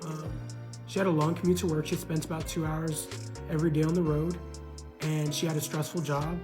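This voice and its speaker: A man's voice: on the high side, little pitch movement, a little fast. Guy talking through his divorce, earnest, lots of you know, backing music. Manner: earnest, repeats words, many "you know" fillers. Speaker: man recounting his divorce. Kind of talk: casual reflective monologue.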